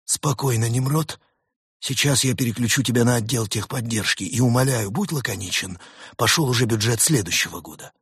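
A man voicing a stern, penny-pinching male boss with an impatient, bossy manner and a husky voice. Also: mid-range voice, brisk, fairly bright tone, no echo, studio quality, pitched above the performer's own voice. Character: stern stingy male boss on a costly call.

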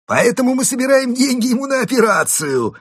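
A man's voice: very high-pitched, sing-song, brisk, a bit bright, slightly rough, dry recording, clean studio sound, voice pushed up, exaggerated voice. A man voicing a boastful, scheming male ferret swindler who talks grandly and pushes hard. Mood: pompous. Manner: grandiose, pushy.

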